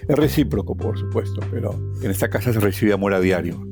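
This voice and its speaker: Loud music sits behind this middle-aged man's lowish, animated voice as he talks quickly in a Colombian accent. The interviewed tour guide recounts personal stories, stressing points through repetition and tossing in conversational tag questions.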